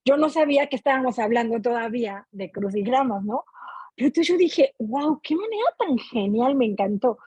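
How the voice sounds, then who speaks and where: This book club participant is a middle-aged woman with a Mexican Spanish accent, chatting expressively about her reading and frequently seeking agreement. Her voice sits on the high side, animated, a little mellow and husky, at normal speed. The recording is a muffled, echoey online meeting.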